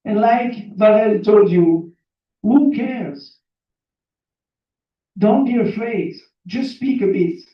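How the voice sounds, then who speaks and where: A seminar guest speaker with a French accent, a native French speaker from Belgium who was born in Burundi, tells his life story in a motivational talk. He speaks simple English, repeats phrases for emphasis and poses questions to listeners, in a high-pitched voice that takes it slowly with long pauses. A distant mic in a very echoey room muffles it.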